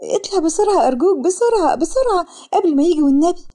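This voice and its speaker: A woman's voice: high voice, fast talker, mellow, pitched above the performer's own voice, natural voice. Woman doing a pleading, frightened Egyptian girl. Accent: Egyptian Arabic. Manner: pleading, tearful, breathless. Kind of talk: storybook narration with voices.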